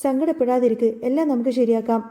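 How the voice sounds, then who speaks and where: Kind reassuring brother-in-law guy in a story, read by a woman, mellow warm tone. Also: on the high side, fast talker, lightly acted. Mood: consoling. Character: loyal male brother-in-law, consoling and kind.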